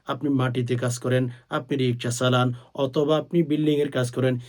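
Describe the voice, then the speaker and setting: A man preaching a sermon, talking straight to his listeners as friends, swelling to loud, drawn-out stresses and chanting short Arabic phrases slowly. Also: mid-range voice, level tone. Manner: swells to loud, drawn-out emphasis on key words; addresses listeners directly as friends.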